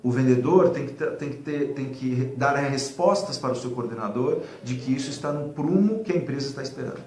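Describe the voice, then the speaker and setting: A man's voice: medium pitch, fairly quick, darkish tone. A man talking casually and animatedly about sales management, acting out little dialogues and using many fillers. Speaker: sales consultant guest. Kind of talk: casual advice talk. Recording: echoey room, faint background noise.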